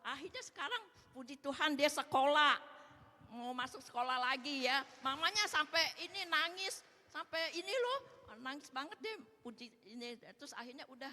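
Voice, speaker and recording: A woman's voice: high voice, expressive, moderate pace, bright, forceful tone. A woman gives her personal testimony to a church congregation, acting out both sides of a remembered talk. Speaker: church member giving testimony. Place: church hall. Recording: long reverb of a large hall.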